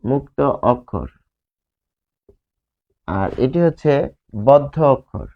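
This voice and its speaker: A male teacher giving a grammar lesson, repeating key terms slowly and asking and answering his own questions. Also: medium pitch, very animated, creaky, slightly rough. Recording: tinny, phone-like sound.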